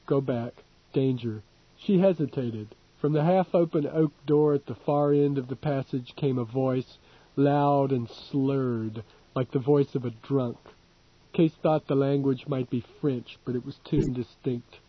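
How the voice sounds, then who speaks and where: A man reading an audiobook in a steady, measured narration. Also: medium pitch, slightly rough. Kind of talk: scripted narration. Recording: dull lo-fi recording.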